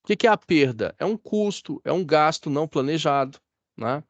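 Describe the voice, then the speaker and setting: A man's voice: on the high side, lively intonation, moderate pace, no echo, muffled recording. A Brazilian man teaching a classroom lecture, chatty and often asking the class if they follow. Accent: Brazilian Portuguese. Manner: chatty, asks the class for agreement.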